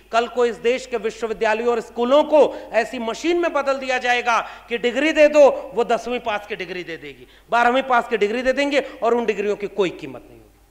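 A man in his thirties from India giving an impassioned political speech to an audience, fiery and rhetorical, firing pointed questions. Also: very high voice. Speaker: speaker at a public meeting. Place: large hall before an audience. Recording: reverberant hall sound.

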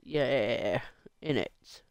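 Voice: medium pitch, extremely slow, no room sound, studio quality. A groggy-sounding gamer with a sore throat, playfully giving casual let's play commentary and reading dialogue aloud, sex unclear. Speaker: gaming video host. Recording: music behind the voice. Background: game music.

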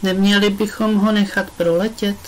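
A woman reading a storybook, voicing a lively adventurous young girl who calls out eagerly. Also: mid-range voice, close to an everyday voice, rough recording. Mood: chatty.

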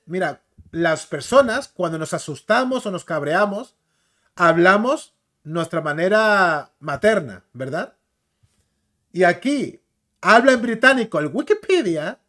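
A slangy, chatty man from the Canary Islands talks through a video clip in a relaxed commentary style. His voice sits a little high for a man, and he keeps dropping filler tags into his sentences. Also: a little slow. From Canary Islands, Spain. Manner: chatty, slangy, keeps tagging phrases with "tío" and "¿vale?". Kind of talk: casual commentary reacting to a clip.

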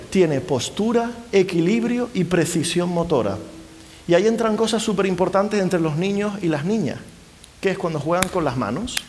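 Lively lecturer in a reverberant hall. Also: male voice, sits high. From Spain. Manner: lively, keeps asking the audience rhetorical questions. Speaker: university lecturer. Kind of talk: conference lecture to a live audience.

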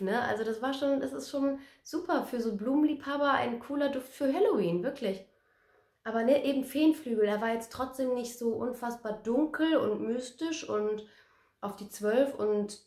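A woman's voice: medium pitch, a little mellow, echoey room. A woman chatting casually as a vlogger, reviewing things she used up, with lots of fillers and tag questions. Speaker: scent vlogger.

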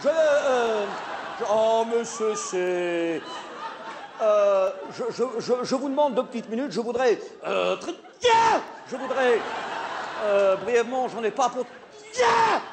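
A man playing a flustered, stammering male theatre director in a live comedy sketch, hesitating and then bursting into shouts. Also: very high-pitched, sing-song, slow pace, crowd noise, exaggerated voice. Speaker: comic stage performer. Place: theatre stage with live audience. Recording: live stage recording, audience noise.

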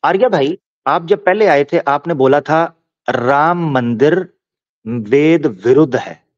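A man's voice: fairly high pitch, takes it slowly. A man from Pakistan hosting a heated online debate, combative and mocking, often talking over the others. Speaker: debate host. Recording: lo-fi call audio.

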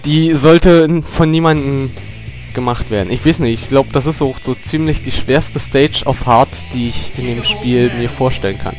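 A man commenting on his own gameplay, grumbling and cursing at the game, with loud yelps and outbursts whenever he gets hit. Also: mid-range voice, moderate pace, soft background music. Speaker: let's player. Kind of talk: gaming commentary.

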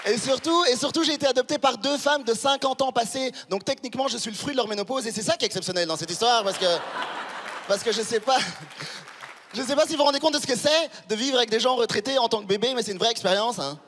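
This stand-up comedian, a man in his thirties originally from Rwanda, talks fast in a very high voice. Gripping a handheld mic on a large theatre stage, he teases the live audience with punchy, conversational banter while background noise fills the hall.

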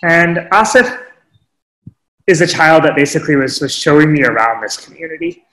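Earnest storytelling man, slightly high voice. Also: animated, sharp tone, roomy sound, low-quality recording. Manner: earnest, reflective, with pauses and restarts. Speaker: webinar speaker sharing teaching stories. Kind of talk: storytelling talk. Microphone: webinar microphone.

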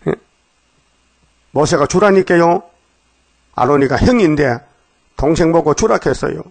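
A man's voice: a little high, expressive, measured pace, dry recording. A man preaching a dawn sermon in a blunt, colloquial way, scolding his listeners and prodding them again and again with a rhetorical "eh?". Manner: plain-spoken and colloquial.

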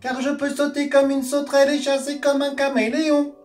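Woman putting on a high eager little swamp critter, storybook, roomy and far from the mic. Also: flat delivery, brisk, darkish tone, lightly acted. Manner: eager, chattering, naive. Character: odd little green swamp creature seeking a friend. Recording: roomy, distant mic, faint guitar.

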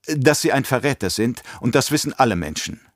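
A sly assassin advisor, voiced by a male audiobook reader, smug and mocking toward his master. His taunting delivery swings between hushed and raised. The sound is dry and close. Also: mid-range voice, sing-song, brisk, dry recording.

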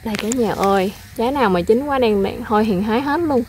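A woman with a fairly high voice talks quickly, with slight background noise. She's a vlogger and mother chatting casually to viewers as she picks in her outdoor home garden, addressing them often in this relaxed garden vlog.

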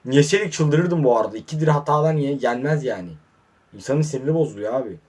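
A man commentating his own mobile football match, muttering in frustration and breaking into sudden excited outbursts, hot and sweating in a warm room. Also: mid-range voice, fast. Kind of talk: casual live gameplay commentary.

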